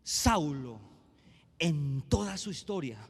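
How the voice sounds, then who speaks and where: A man preaching a sermon as pastor, dropping to quiet asides and rising to shouted passages. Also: on the high side, animated, slow pace, vocal fry, breathy edge. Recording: long hall reverb, faint music behind.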